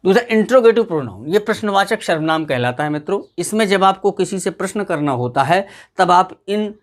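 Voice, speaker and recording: High-voiced man teaching grammar. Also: expressive. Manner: repeats example sentences slowly, addresses viewers as friends. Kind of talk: explaining grammar lesson.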